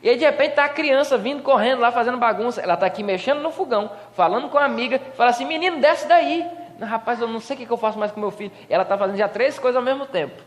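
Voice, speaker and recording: A man's voice: extremely high pitch, rapid-fire, hardly any pauses. A Brazilian man preaching a humorous sermon as pastor, acting out little scenes with voices. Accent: Brazilian Portuguese. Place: church hall. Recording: church hall reverb.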